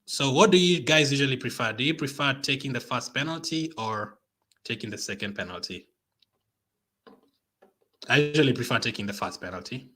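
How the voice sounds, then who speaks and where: A man with a medium-pitched voice hosts a live football watch-along. He reacts to a penalty shootout in an anxious, pleading way, talking straight to his viewers. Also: expressive, normal speed, pauses often, pushed and bright. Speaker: football fan channel host.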